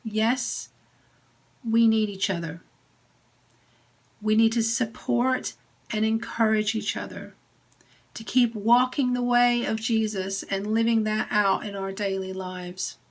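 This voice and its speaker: An English woman minister giving a gentle, deliberate recorded sermon message. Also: mid-range voice, fairly even intonation, low-quality recording.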